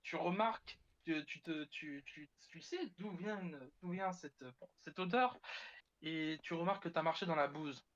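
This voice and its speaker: A man narrating as game master, talking very slowly in a slightly high voice. He halts and repeats words as he describes the scene. The sound is dull, dry and lo-fi. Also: a bit bright. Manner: slow, halting, repeats words.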